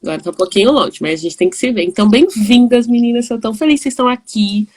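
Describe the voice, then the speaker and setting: A woman in her forties from São Paulo with a São Paulo Brazilian Portuguese accent, chatting warmly as host of a live video call, with frequent restarts. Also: a little high, racing. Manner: chatty, warm, laughing often, many restarts. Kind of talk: casual video call chat.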